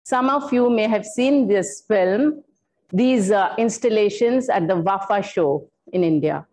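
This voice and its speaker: A woman's voice: mid-range voice, unhurried, darkish tone, rough recording. An older woman giving a floral art workshop demonstration, explaining her materials step by step with some fillers. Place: indoor studio room.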